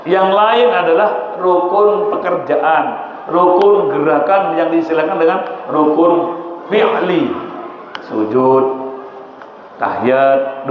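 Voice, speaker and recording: A man's voice: a little high, slight background noise. A male preacher with an East Javanese Indonesian accent, giving a mosque lecture, drilling recitations and quizzing his listeners. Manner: repeats and drills recitations, asks the audience questions. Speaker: Islamic preacher teaching a kitab study. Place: large mosque hall. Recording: echoey hall, dull lo-fi sound.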